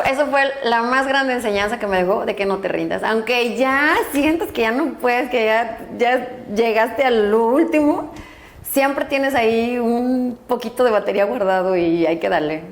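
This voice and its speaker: A middle-aged woman with a Mexican accent tells her life story, animated and laughing as she acts out other people's voices. Her voice sits high. The room around her is roomy and echoing. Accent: Mexican Spanish. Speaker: guest, doctor and school director. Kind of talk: storytelling interview. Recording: echoey room.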